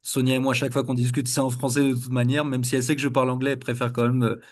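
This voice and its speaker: A man's voice: mid-range voice, level tone, rapid-fire. A man hosting a weekly online call, introducing a guest with many fillers and restarts. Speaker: webinar host. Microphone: video call.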